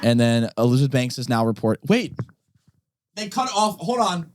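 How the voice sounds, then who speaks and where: A man's voice: mid-range voice, normal speed. A young man, a podcast guest, telling jokey stories in a casual studio chat. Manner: animated storyteller, jokey.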